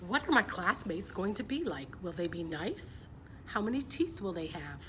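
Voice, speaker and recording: A middle-aged woman with a low-leaning, very animated voice chats with children at normal speed on a casual livestream. She also reads a picture book aloud, and the live stream carries clear background noise.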